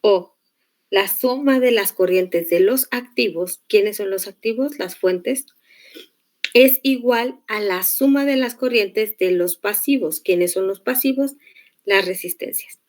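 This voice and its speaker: A woman teacher giving a lecture, explaining step by step and checking in with her students. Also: medium pitch. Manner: slow, patient explaining with check-in questions. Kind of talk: online class lecture on electric circuits.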